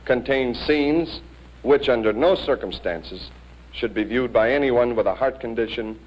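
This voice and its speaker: A man's voice: mid-range voice, measured pace, darkish tone, rough recording. A man narrating an ominous film warning in a portentous, emphatic announcer style.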